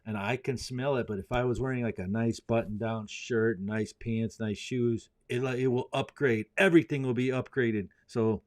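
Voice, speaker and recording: Male livestream host, casual and rambling, mid pitch, dry close sound. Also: fairly even intonation, normal speed, hardly any pauses, no echo. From Indianapolis, US. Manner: laid-back, chatty, rambling. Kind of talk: casual live chat reading viewer comments.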